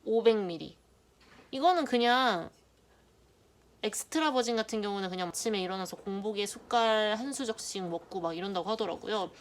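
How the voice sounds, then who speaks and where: A young woman vlogger narrating an unboxing in a chatty, playful way, muttering softly to herself while she handles things. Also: mid-range voice, brisk. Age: young adult. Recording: loud background noise.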